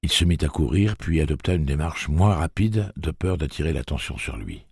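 Audiobook narrator, male, very low and gravelly, husky, lively inflection. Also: no room sound, clean studio sound. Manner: measured storytelling. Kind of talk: scripted narration.

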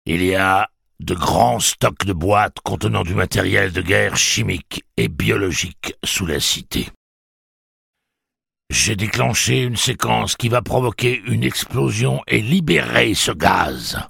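Villain voice: a taunting robot train read by a male narrator, husky and dry. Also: lowish voice, lively intonation, measured pace, fairly bright tone, dry recording, voice pushed up, heavily acted. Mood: menacing. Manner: mocking, cold and toying. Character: booming cruel talking monorail machine.

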